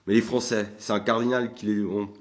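Un homme jouant un sergent ivre et brutal. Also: male voice, fairly low pitch, level tone, brisk, lightly acted. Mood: drunken ranting. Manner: bellowing, slurred insults. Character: drunken brutish male soldier sergeant, belligerent.

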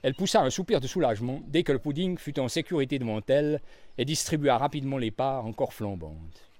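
A man narrating a storybook reading in an expressive, varied read-aloud voice. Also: mid-range voice, a little fast, no echo.

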